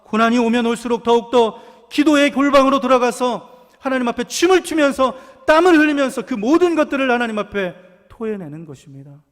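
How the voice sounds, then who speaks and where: A man preaching a sermon as pastor, swinging from hushed asides to loud fervent cries. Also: extremely high pitch, expressive, brisk. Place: church sanctuary. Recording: long church reverb.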